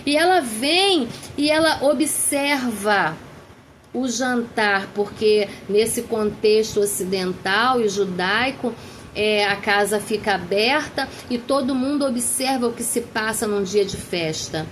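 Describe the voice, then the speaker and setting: A woman giving a Bible lecture, earnest and slowing down to dwell on key words. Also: on the high side, slight background noise, poor audio. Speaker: Bible teacher. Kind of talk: theology lecture.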